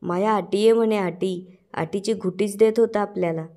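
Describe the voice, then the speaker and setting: A sharp-tongued, scheming middle-aged aunt who bosses and scolds the people around her, as a woman reads her lines. She talks in a plotting, bossy way. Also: medium pitch, steady tone, normal speed, natural voice.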